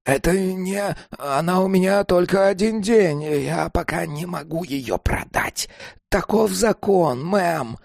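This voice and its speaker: Terrified old pawnbroker man, as a male narrator puts him on, wheezy and trembling, high gravelly voice. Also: slow pace, no echo, studio quality, exaggerated voice. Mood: stammering.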